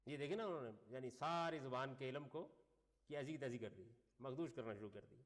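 A man giving a classroom lecture, reading Arabic phrases and then explaining them while putting questions to his class. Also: medium pitch. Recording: long reverb of a lecture hall.

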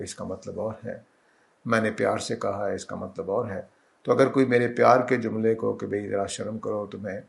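A man giving a calm, explanatory Quran commentary lecture, slowing down to recite Arabic verses. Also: on the low side, gravelly. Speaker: religious teacher.

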